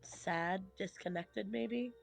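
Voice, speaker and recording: A woman's voice: medium pitch, takes it slowly, creaky, faint music behind. A woman narrating as game master of a tabletop game, hesitant with many fillers.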